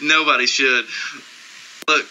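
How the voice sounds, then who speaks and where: Man, co-host, casual crude banter, very bright tone, faint background hiss. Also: mid-range voice, fairly even intonation, slow, rough recording. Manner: joking, laughs often, crude humor. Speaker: podcast co-host.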